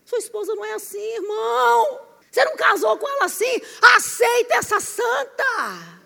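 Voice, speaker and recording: A Brazilian woman preaching a lively sermon in a church hall, acting out little scenes and rising into shouted emphasis. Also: extremely high pitch, fairly quick, creaky. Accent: Brazilian Portuguese. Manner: animated, switching voices, rising into shouted emphasis. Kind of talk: lively sermon with acted-out anecdotes. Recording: reverberant hall.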